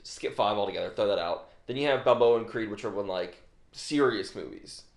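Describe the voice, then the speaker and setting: An upbeat man rambling through a casual film chat, often restarting his sentences. His voice sits on the low side. He sounds like he is in an echoey room. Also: fairly quick, vocal fry. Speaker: podcast co-host.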